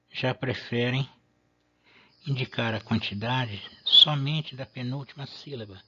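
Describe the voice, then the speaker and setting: A man, explaining a lesson in a measured way and pausing to rephrase himself. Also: medium pitch, sharp tone, slightly rough, lo-fi sound. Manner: measured, with restarts and fillers. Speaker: Latin teacher.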